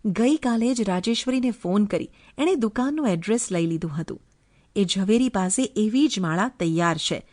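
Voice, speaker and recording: Woman, audiobook narrator, dramatic storytelling, dry close recording, animated pitch. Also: no echo. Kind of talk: scripted narration of a novel.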